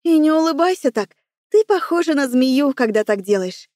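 A woman's voice: high voice, expressive, moderate pace, darkish tone, no room sound, clean studio sound. A woman voicing a sly, teasing young female friend in a storybook, with a playful, mocking manner.

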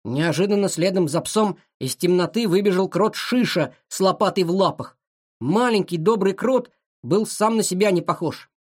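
A storyteller reading a children's adventure aloud, with a voice that rises and falls in lively swings. The delivery is expressive and animated, pitched in a middle register. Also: moderate pace, husky. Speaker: narrator. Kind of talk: children's audiobook narration.

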